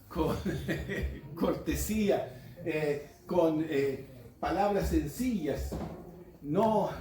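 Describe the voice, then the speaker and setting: A man's voice: a little high, mellow, roomy sound, low-quality recording. A man preaching a sermon to his congregation in a folksy way, mixing jokes into the message and speaking straight to his listeners. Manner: folksy, joking, addresses the congregation directly. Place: church congregation.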